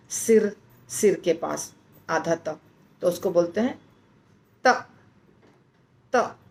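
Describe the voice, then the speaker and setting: A woman's voice: medium pitch, creaky, a little hiss or hum. A woman teaching how to pronounce a Sanskrit verse, repeating each word many times and breaking it into its letters. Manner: repeats words over and over, breaking them into letters. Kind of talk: slow spoken pronunciation lesson.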